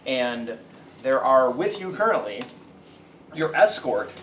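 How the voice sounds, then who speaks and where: A man's voice: medium pitch, sing-song, slow pace, fairly bright tone. A man narrating a tabletop game as game master, explaining the scene and checking that listeners follow. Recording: echoey room, distant mic, faint noise.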